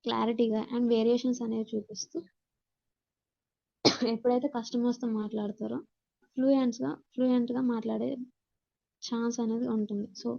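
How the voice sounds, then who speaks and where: A woman with a Telugu accent teaches from slides, reading out points and then explaining them with repetition in Telugu and English. Her voice is on the high side, level in tone, a little fast and creaky, with frequent pauses and dull audio.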